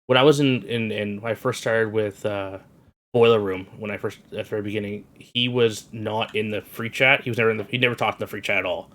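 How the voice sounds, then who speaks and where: A man with a slightly low voice chats casually and agreeably. He often restarts and repeats words mid-sentence. His talk stays loose and conversational. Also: steady tone, fairly quick, fairly bright tone. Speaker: student guest. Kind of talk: casual chat.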